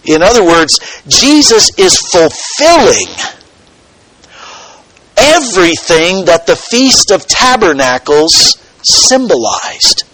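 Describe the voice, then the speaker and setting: A man preaching a sermon, teaching earnestly and dropping to a soft voice for quoted words. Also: high-pitched, very animated, rough recording. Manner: slow, earnest teaching with dramatic soft quotations.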